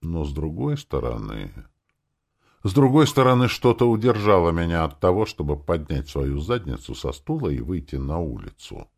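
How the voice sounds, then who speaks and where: Deep-voiced man narrating a dark story. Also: moderate pace, creaky. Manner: expressive, switches to angry shouting in dialogue. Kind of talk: dramatic audiobook narration.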